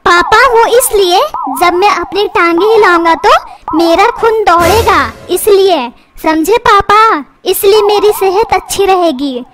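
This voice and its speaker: एक महिला कार्टून में बदतमीज़, मुँहफट स्कूली लड़के की आवाज़ दे रही है, जो पलटकर जवाब देता है।. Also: female voice, very high-pitched, measured pace, fairly bright tone. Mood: cheeky. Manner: sassy, talks back, threatens. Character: cheeky rude cartoon schoolboy son. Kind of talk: comedy cartoon dubbing.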